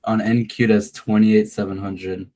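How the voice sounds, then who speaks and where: A man chimes in on a trading stream with dry, deadpan remarks. His voice is on the low side, mellow and dark, with little rise and fall. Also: a little slow. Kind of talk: casual livestream chat.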